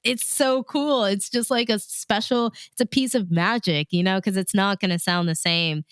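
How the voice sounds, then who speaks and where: A woman radio DJ, interviewed as a guest, chats informally and enthusiastically, sprinkling in plenty of "like" and "you know." Her medium-pitched voice is fairly bright, clear and resonant, at normal speed, with studio quality and no room sound.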